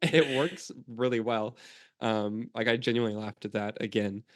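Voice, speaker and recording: A man's voice: mid-range voice, normal speed, dry recording. A man co-hosting a podcast, chatting casually and laughing often as he recaps a cartoon episode with plenty of fillers. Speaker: podcast co-host.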